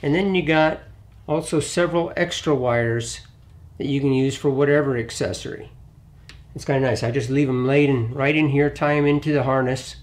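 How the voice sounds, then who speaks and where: A middle-aged man hosting a hands-on repair tutorial in his home garage, talking in a relaxed, plainspoken way as he works on an engine bay. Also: medium pitch, normal speed. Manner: relaxed, plainspoken, thinks aloud while working. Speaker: DIY auto repair channel host.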